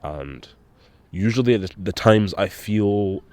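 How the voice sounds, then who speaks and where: A man's voice: on the low side, lively intonation, slow pace, a little mellow, no echo. A young man with a congested, nasal voice, rambling casually and swearing often as he hosts his own podcast. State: congested nose. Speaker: solo podcast host.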